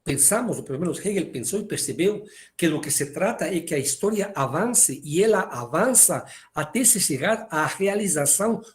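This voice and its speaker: A man gives a university philosophy lecture, reading passages aloud and explaining them. He often repeats words when he hesitates. His voice is fairly high-pitched and animated, at a moderate pace.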